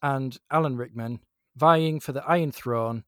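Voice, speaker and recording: A man's voice: medium pitch, unhurried, a bit bright, no echo, clean studio sound. A man co-hosting a podcast, joking and rambling through casual banter. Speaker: podcast co-host. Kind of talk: casual chat.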